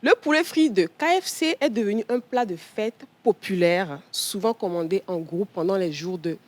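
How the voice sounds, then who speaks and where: A woman with a Togolese French accent calmly explaining a topic as a columnist on a TV talk show. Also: medium pitch, normal speed. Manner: calm, explanatory, steady. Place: TV studio.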